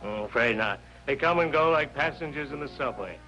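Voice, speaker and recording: A man's voice: mid-range voice, expressive, fairly quick, bright, forceful tone. An actor playing a blunt, folksy old male doorman of a rehearsal hall in a 1950s TV drama. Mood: brusque. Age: older. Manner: folksy, blunt working-class talk. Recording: dull lo-fi 1950s TV soundtrack with music.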